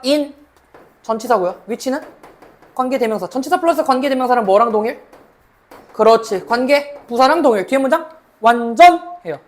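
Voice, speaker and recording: A high-voiced woman teaching as a cram school English instructor reads English sentences slowly, then explains them in Korean and checks in with her students. It's a lecture going over a mock exam.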